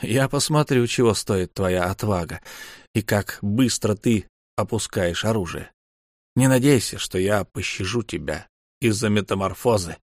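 A male audiobook reader playing a brooding, tormented warrior husband who speaks low and grim. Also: unhurried, no room sound, studio quality.

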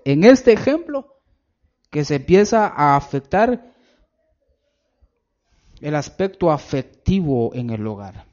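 A man preaching a sermon emphatically, slowing on stressed words and dropping low for asides to his listeners. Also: darkish tone. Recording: dull lo-fi recording.

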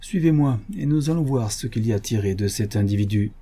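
Sherlock Holmes, a man reading smooth and suave. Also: lowish voice, animated, a little fast, dark tone. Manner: smooth, courteous. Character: shrewd, suave male detective. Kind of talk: audiobook reading.

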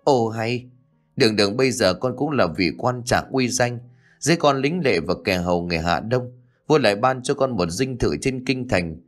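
A man's voice: mid-range voice, lively intonation, moderate pace, soft background music, natural voice. A man voicing an ambitious young official who coaxes and insists. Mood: pleading.

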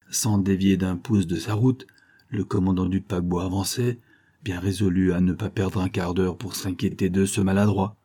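A man reading a short story aloud in a dramatic, expressive way. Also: lowish voice, husky. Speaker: narrator. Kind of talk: scripted narration of a short story.

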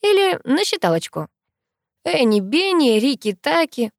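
A woman's voice: high-pitched, very animated, a little slow, gravelly, dry recording, studio quality, pitched above the performer's own voice, exaggerated voice. A woman reading the part of a teasing young man, the narrator's best friend, in an audiobook, with a playful, mocking manner.

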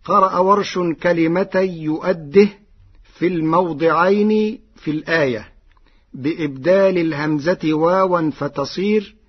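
A man giving a radio lesson on Quran recitation variants, calm and deliberate, chanting each example phrase. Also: on the high side, husky. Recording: dull lo-fi radio recording.

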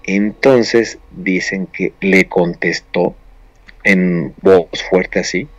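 Low-voiced man telling a rambling story. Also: steady tone, drawn-out words, no room sound, lo-fi sound. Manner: rambling, with many restarts and fillers. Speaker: storyteller on a paranormal show. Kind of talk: casual storytelling.

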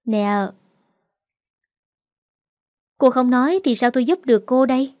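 A quick-witted young servant girl speaks humbly and pleads for mercy, as a woman narrator puts her on. Her voice is high and dry. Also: a little mellow, no room sound, lightly acted. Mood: questioning.

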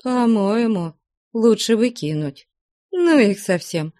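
A woman's voice: on the high side, sing-song, takes it slowly, mellow, no room sound, clean studio sound, voice pushed up. A woman voicing a grumbling, snappish young nun who leads the choir. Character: young choir-leading nun, grumpy and fearful.

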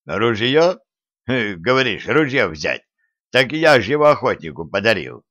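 A man voicing a grumpy, stubborn old grandfather who scolds and shouts threats, in an audiobook. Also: mid-range voice, very animated, unhurried, dry recording. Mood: grumbling. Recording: dry, slightly dull audiobook recording.

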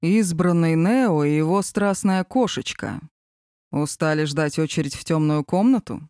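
A woman's voice: low voice, lively intonation, measured pace, warm tone, clear, resonant tone, dry recording, studio quality. A woman voicing a cheeky young man at a party, flippant and jokey. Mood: joking.

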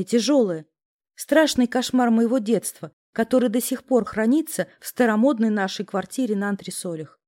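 A woman's voice: fairly high pitch, dark tone. Woman narrating a wry audiobook. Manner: wry, first-person storytelling.

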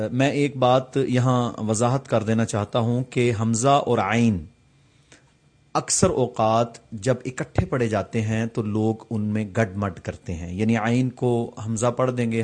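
Man teaching slow tajweed recitation. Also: mid-range voice, darkish tone. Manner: slow, drawn-out recitation of each word, repeated for practice; patient, corrective explanations between recited phrases. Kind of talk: tajweed lesson, explaining and demonstrating recitation.

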